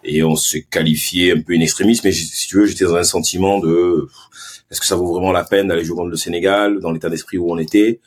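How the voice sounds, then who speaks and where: Low, husky Marseille-accented man. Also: fast talker. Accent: Marseille French. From Ivory Coast and Marseille. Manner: animated, lively storytelling with many restarts. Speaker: guest, former pro footballer turned sports marketing agency head. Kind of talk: casual podcast interview.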